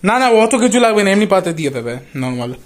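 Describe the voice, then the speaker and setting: Talking to his viewers as "guys," a man narrates a relaxed vlog inside a family home and shop, slipping English words into what he says. His high voice swings widely in pitch, and his pace is a little quick.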